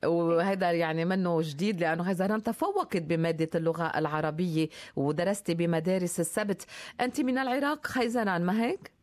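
A woman's voice: on the low side, quick pace, darkish tone. A woman with a Levantine Arabic accent hosting a live radio interview. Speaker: radio host.

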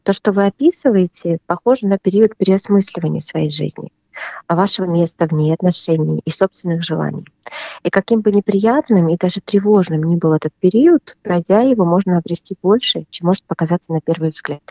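Calm woman psychotherapist, muffled dry sound. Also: lowish voice, no echo. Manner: calm, measured advice. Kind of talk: radio advice answer.

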